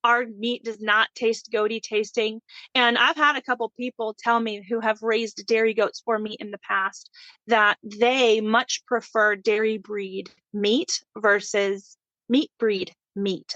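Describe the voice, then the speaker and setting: A woman's voice: a little high, fairly bright tone, no room sound. A woman, a homesteading guest in a casual interview, talking in a friendly, thoughtful way with frequent ums. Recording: dull lo-fi sound.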